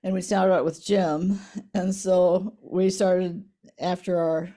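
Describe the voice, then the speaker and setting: A woman in her eighties, reminiscing in a casual family interview, soft-spoken, her voice trailing off quietly at the ends of lines. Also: fairly low pitch, flat delivery, slow. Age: 80s. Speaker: interviewee, the mother.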